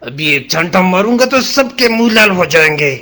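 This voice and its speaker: A woman's voice: fairly low pitch, expressive, moderate pace, a bit bright, pitched below the performer's own voice. A woman voicing a grumpy, bullying male tuition teacher who scolds and threatens his students in a cartoon. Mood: threatening. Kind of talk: cartoon voice acting.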